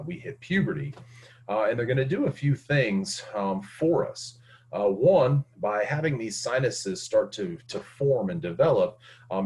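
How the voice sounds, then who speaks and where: Man lecturing on anatomy, lowish voice. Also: darkish tone, a little hiss or hum. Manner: explanatory, many fillers and restarts. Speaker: anatomy instructor. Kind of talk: recorded lecture.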